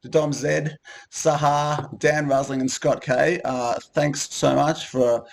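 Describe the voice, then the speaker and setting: A man, co-hosting a relaxed, rambling chat about a gaming event. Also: on the high side, slow, creaky, slight background noise. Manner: relaxed, rambling with many ums and restarts. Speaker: co-host of a gaming group video. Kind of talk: casual chat.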